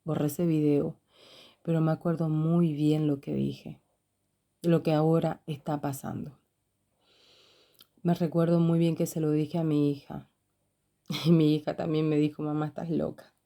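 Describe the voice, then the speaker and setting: A woman's voice: sits low, little pitch movement, a little slow, vocal fry, dark tone. A middle-aged woman giving an earnest personal religious testimony, repeating phrases for emphasis. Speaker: religious video creator.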